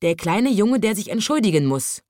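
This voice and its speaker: A woman's voice: medium pitch, sing-song, normal speed, a little mellow, no room sound, clean studio sound, voice pushed up, lightly acted. A woman voicing a stern old male baboon in a storybook reading, speaking with indignant force.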